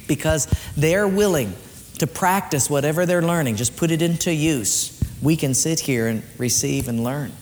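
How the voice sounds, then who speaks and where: A man preaching a sermon as a pastor, swinging from loud raised lines down to quiet low ones. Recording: long hall reverb, faint room noise.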